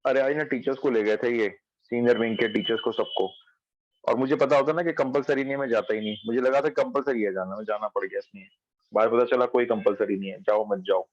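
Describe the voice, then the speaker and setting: A man's voice: medium pitch, fairly even intonation, a little fast, no echo, lo-fi sound. A man teaching a math class online from home, explaining step by step and checking that students follow.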